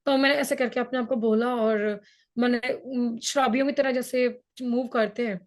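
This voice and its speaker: A woman from India speaks in a high voice while recounting her climb in an interview. She has a sore throat that leaves an edge on her voice. Her telling is earnest, with English words slipping into her speech. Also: steady tone, normal speed. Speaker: mountaineer guest. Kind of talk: interview, personal storytelling.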